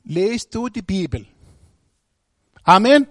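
A man's voice: sits high, lively intonation, slow, a bit bright, dry recording, clean studio sound. A man preaching a sermon, speaking emphatically and putting questions straight to the congregation.

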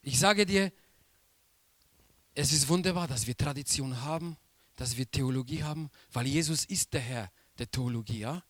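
A man preaching a sermon slowly and emphatically, repeating key phrases for weight. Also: mid-range voice, no room sound.

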